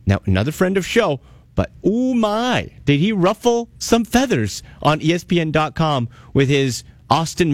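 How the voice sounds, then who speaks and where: A man with a gravelly voice, stuffed up with a cold, hosting an upbeat sports radio show in a playful, informal way. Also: fairly high pitch, dry recording. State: congested with a cold.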